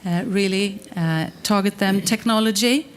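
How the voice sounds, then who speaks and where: A woman moderating a conference panel, briskly calling on people and directing questions. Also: medium pitch. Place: conference hall.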